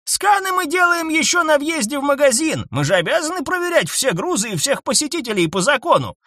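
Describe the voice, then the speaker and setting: A man voicing an excitable female shop security AI that talks loud and eager. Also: very high voice, brisk, dry recording, clean studio sound, voice pushed up, heavily acted.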